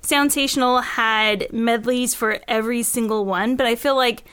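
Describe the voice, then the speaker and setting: Higher-pitched woman in casual chat. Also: fairly even intonation, normal speed, a bit bright, smooth. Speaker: podcast host.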